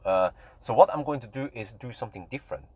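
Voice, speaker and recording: Male vlog host, tired, slow and lively in pitch, dry close sound. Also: no room sound. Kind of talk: casual vlog chat while driving.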